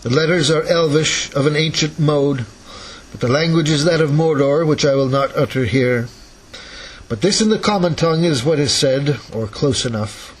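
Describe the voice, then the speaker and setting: A man voicing an ancient, wise male wizard in an amateur read-aloud, speaking slowly, low and solemn. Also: slightly rough, low-quality recording. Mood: grave. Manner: slow, low and solemn delivery.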